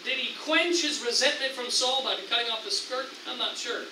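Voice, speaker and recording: A man with an American accent preaching a sermon as pastor, animated, acting out tempting voices with excited raised lines. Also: very high-pitched, normal speed, echoey room, recorded from a distance, noisy background. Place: church sanctuary.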